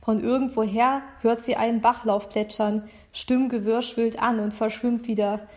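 A woman reads a novel aloud in a steady, plain narration. Her voice sits fairly high, and she now and then rereads a line to correct it. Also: moderate pace. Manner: steady reading with retakes.

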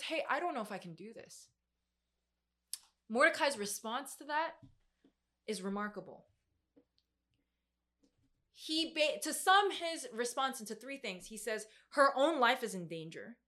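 Speaking at a fairly high pitch with a touch of brightness, a young woman in her mid-twenties expounds the Bible to a group. She keeps it casual and emphatic, using youthful slang.

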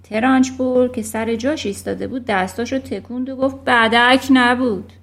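A woman narrating a children's novel in an expressive storybook reading. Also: a little high.

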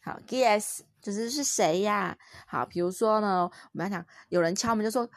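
Here a young mother with a Taiwanese Mandarin accent patiently helps her toddler learn French words at home, keeping things playful and upbeat. She talks at a normal speed in a mid-range voice, and the recording is dry and studio-clean.

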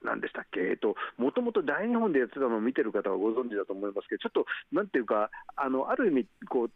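Gravelly man on a tinny line. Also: medium pitch, big pitch swings, rapid-fire, no room sound. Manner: polite, explanatory, many fillers. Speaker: pro wrestling commentator. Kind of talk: radio wrestling match report.

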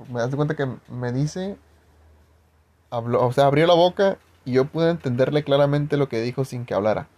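A man's voice: mid-range voice, darkish tone. A young man with a Mexican accent telling a personal anecdote in a casual, rambling way, full of slang and swearing. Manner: slangy, profane, rambling storytelling. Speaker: storyteller.

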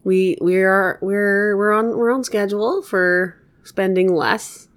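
A woman co-hosting a podcast in casual chat, playful and teasing, with quick reactions. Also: mid-range voice, steady tone. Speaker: podcast co-host.

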